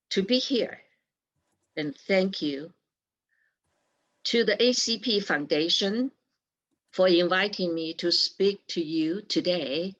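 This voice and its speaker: An older woman from China and Taiwan giving a formal keynote speech in a measured, deliberate way. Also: lowish voice, a bit bright, lo-fi sound. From born in China, raised in Taiwan. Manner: slow, measured delivery. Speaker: keynote speaker.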